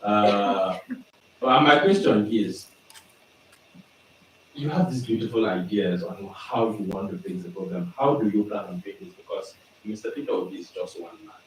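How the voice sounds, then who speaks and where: A young man with a lowish voice speaks chattily during an audience Q&A. He is far from the mic in a big, echoey lecture hall with a faint hum. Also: moderate pace. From Nigeria. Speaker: graduate business student asking a question.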